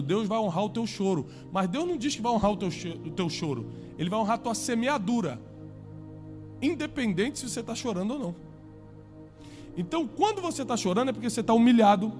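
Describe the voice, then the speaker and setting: Man, Brazilian Portuguese accent, pastor, emphatic sermon, rhetorical questions, high voice, faint music behind. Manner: emphatic preaching, rising to near-shouts, rhetorical questions to the congregation. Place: church before a congregation.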